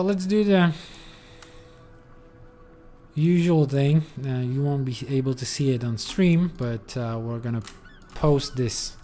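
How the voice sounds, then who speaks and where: A man streams a game with casual, rambling commentary that's loose and profane, full of fillers and the occasional swear. His voice is on the high side and mellow.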